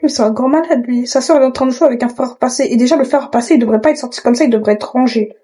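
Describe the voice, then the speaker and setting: A woman's voice: high voice, racing, mellow, breathy edge. A woman giving casual reaction commentary on a cartoon, joking, outspoken and full of slang.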